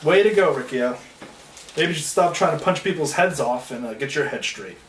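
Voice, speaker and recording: A man's voice: a little high, animated, moderate pace, a bit bright, echoey room, recorded from a distance, slight background noise. A young man ranting sarcastically and comically about things he hates, griping with exasperation. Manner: exasperated, sarcastic griping with mocking put-on voices. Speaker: comedy sketch host ranting. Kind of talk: comedic rant monologue.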